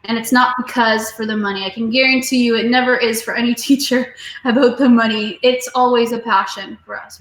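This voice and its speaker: A young woman in her twenties speaks with a high voice. She talks about teaching in an earnest, motivational way, with plenty of fillers. Her voice carries a roomy echo. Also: a bit bright. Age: 20s. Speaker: music teacher and studio owner, interview guest. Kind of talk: casual video interview.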